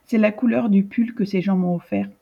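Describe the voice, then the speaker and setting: A woman's voice: mid-range voice, steady tone, brisk, gravelly, dull audio. A woman voicing a stiff, curt male minister who speaks in a dry tone.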